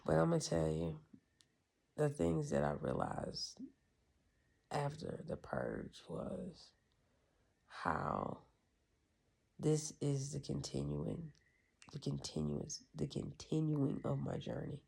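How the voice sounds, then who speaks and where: A deeply gravelly, raspy voice recounts a personal experience in a hushed, half-whispered way. The delivery is slow and unhurried, swinging widely in pitch, and it stays candid and profane throughout. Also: sing-song. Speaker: vlogger. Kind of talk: candid personal retreat recap.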